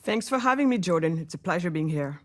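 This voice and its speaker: A woman's voice: lowish voice, fast talker. A woman from Senegal, a guest in an interview, telling her story in a blunt, direct way. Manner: blunt, direct, animated when arguing.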